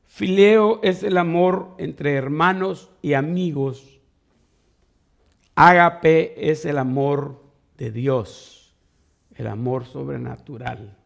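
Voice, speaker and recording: A man's voice: fairly high pitch, slow, gravelly, long pauses. A man preaching a sermon as pastor, teaching step by step and leaning on quoted questions. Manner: teaching Bible study, explains words step by step.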